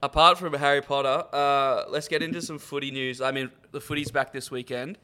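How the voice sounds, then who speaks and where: Man, Australian accent, bright forceful voice, loud matey lad banter, blokey podcast chat, sweary, rambling. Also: medium pitch, fairly even intonation, brisk, smooth. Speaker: sports podcast co-host.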